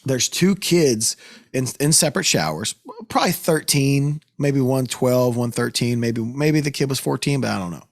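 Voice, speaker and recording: A podcast host tells a story in casual chat, his mid-range voice gravelly and at normal speed. He is animated and swears often, his voice climbing when he gets worked up.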